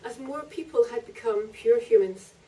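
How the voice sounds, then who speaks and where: At a live festival reading held in a library, a woman author reads narrative prose from her own book, captured by a distant microphone. Her voice is fairly high and mellow, at a normal speed, with slight background noise.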